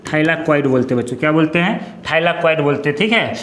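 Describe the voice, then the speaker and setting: A man's voice: a little high, animated, moderate pace, fairly bright tone, echoey room, a little hiss or hum. A man teaching biology, repeating each term and asking his pupils to say it back. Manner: repeats terms with call-and-response questions. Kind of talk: classroom lesson.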